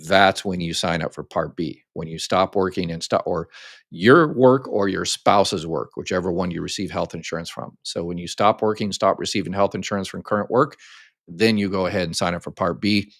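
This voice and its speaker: An older American man with a very low, deep voice talks through viewer questions in a relaxed, rambling way. He fills his explanations with ums and restarts. The sound is close and dry, with little room echo. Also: normal speed. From United States. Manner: casual, explains step by step with many ums and restarts. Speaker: host answering viewer questions. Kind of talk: live Q&A chat.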